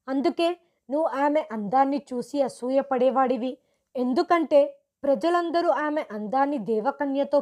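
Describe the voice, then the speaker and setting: A woman's voice: sits high, darkish tone, lightly acted. A woman voicing angry, grieving in-laws in a story, speaking in a bitter, accusing way.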